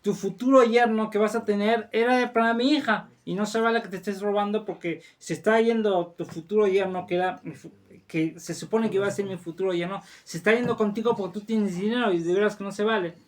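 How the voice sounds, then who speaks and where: A man voicing a wealthy, generous older man who recounts a past deed in an earnest, halting way. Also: sits high, steady tone, close to an everyday voice.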